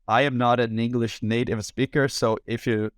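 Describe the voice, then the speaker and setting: A man's voice: mid-range voice, level tone, normal speed, dry recording, studio quality. A man from Brazil with a Brazilian Portuguese accent, a non-native English speaker hosting a podcast in a friendly, hesitant way. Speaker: podcast host. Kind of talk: podcast interview.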